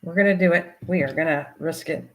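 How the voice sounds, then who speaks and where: A woman's voice: low voice, brisk, heavy background noise. Older woman chatting while she crafts. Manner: chatty, rambling, talks to herself and her viewers while working. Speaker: livestream host. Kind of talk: casual craft livestream chat.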